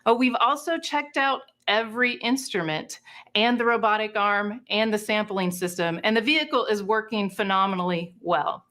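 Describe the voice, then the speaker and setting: A woman's voice: mid-range voice, moderate pace, bright, forceful tone. Woman giving a mission update. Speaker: space mission team member. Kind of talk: presentation update.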